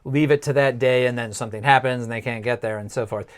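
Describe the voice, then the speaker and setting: A man's voice: mid-range voice, steady tone, quick pace, smooth. A middle-aged man co-hosting a local news podcast, chatting casually with wry asides. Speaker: podcast co-host.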